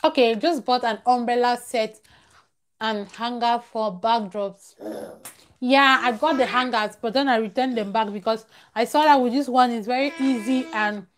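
Here a live-stream host, a young woman whose voice sits on the high side, talks at a moderate pace and emphatically repeats phrases while advising viewers in a casual chat. A collar lavalier picks her up in a small room at home, right by a plain wall.

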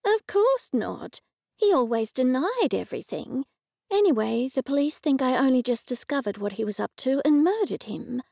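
An anxious middle-aged heroine in an audiobook, voiced by a woman narrator. She talks raised and urgent, a touch higher than the narration. The voice has a gravelly edge and a dry, close sound. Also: lively intonation, normal speed, mellow, dry recording, full character voice. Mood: worried.

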